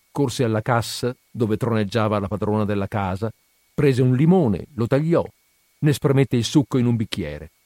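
Male audiobook narrator, animated literary reading, dry studio sound. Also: medium pitch, no echo.

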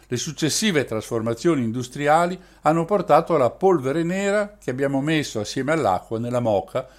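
Man calmly narrating an explainer. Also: mid-range voice.

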